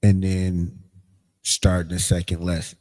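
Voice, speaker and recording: A man teaching a livestreamed language class, explaining in a casual, halting way with frequent pauses and ums. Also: low-pitched, completely flat delivery, warm tone. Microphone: streaming setup, screen sharing.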